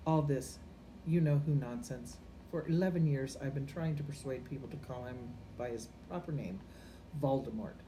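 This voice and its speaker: A kindly old wizard headmaster, as a woman reads him, low and very mellow. He speaks in a calm, measured, gently whimsical storybook manner. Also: slight background noise, low-quality recording. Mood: gently reasoning.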